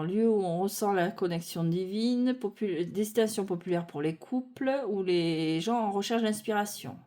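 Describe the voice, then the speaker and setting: Her voice is mid-range and mellow as this French-speaking woman leisurely works through a tarot deck, card after card. She muses out loud, using plenty of fillers and frequently restarting or correcting herself.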